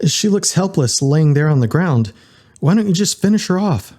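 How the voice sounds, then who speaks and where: A man's voice: fairly high pitch, lively intonation, moderate pace, darkish tone, voice pushed up. A man voicing a young punk canine man who stumbles and hesitates over his words. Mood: flustered.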